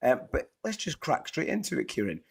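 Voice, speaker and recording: A Scottish man with a hoarse, half-lost voice, chatting casually and enthusiastically as host of a fantasy football show. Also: on the high side, sing-song, a little fast, heavy background noise. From Scotland. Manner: matey, rambling, enthusiastic. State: hoarse, voice partly lost from shouting. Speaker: podcast host.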